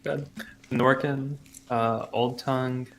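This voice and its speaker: A man's voice: mid-range voice, level tone, fairly bright tone, a little hiss or hum. A man playing in an online tabletop game, chatting casually with frequent giggles over voice chat. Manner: giggly, unhurried. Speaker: player.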